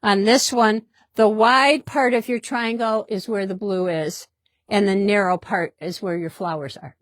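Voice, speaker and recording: A woman's voice: medium pitch, steady tone, unhurried, no echo, clean studio sound. A woman hosting a casual product demonstration in a fabric shop, chatty and upbeat, often repeating herself.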